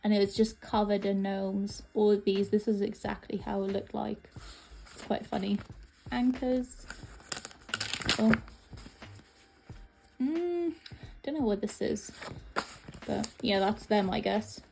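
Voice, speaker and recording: Leafing through old sketchbooks, a young woman from Latvia who makes art vlogs talks slowly and casually, pausing often and rambling hesitantly. Her medium-pitched voice is creaky, and the background is noisy.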